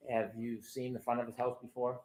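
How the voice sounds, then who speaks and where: Mid-pitched man questioning formally. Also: flat delivery, fairly quick, a little mellow, poor audio. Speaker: trial lawyer. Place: indoor courtroom.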